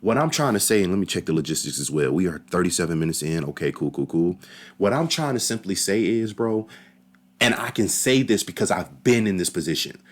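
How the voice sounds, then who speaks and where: Talking slangy and straight to his viewers, a man reacts with lively, casual commentary to a marching band battle. His voice sits low, and he speaks a little fast.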